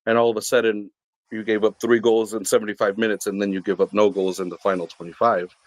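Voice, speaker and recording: A male podcast co-host in a casual sports chat, talking with an animated, excitable delivery. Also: on the low side, quick pace, no echo.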